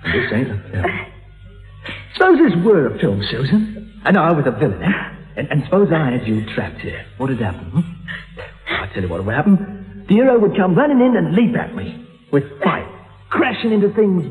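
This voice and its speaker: An actor playing a deranged, taunting killer, rambling and repetitive with a childish, volatile menace. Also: male voice, a little high. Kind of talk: melodramatic film thriller acting. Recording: echoey hall, dull lo-fi, music behind.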